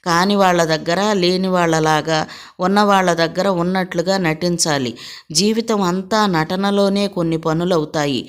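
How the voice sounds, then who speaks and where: A stern aging mother from a village household scolds her grown daughters, bitter and sorrowful at once, as a woman narrator reads her. The voice sits low and stays close to plain storybook reading. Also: normal speed, close to an everyday voice. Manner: scolding, lamenting.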